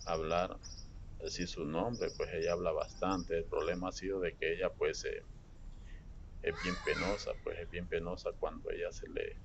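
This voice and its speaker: A man with a Honduran accent introducing his pet parrots to viewers in a casual, chatty home video, often pausing on filler words. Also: low-pitched, creaky. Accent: Honduran Spanish. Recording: muffled with steady background noise. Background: parrots chattering in the background.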